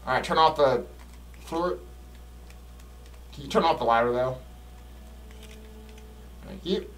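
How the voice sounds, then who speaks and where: Slow-talking and picked up by a distant mic with slight background noise, a man streams a horror game. His commentary is casual, slangy and profane, full of blunt complaints, and he shifts from mutters to loud, high-pitched outbursts.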